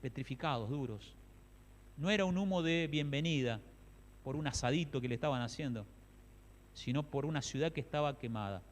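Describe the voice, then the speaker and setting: A man with an Argentine accent preaching a sermon in a church, swinging from hushed pleading to loud outbursts. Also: medium pitch, brisk. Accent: Argentine Spanish. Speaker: pastor. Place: church hall. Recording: echoey church hall.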